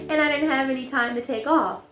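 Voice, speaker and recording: A woman's voice: high voice, normal speed. Young woman, chatty storyteller who laughs a lot, in an echoey room with faint music behind. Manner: animated, laughs often, acts out quoted lines. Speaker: actor telling a story. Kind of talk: casual personal storytelling.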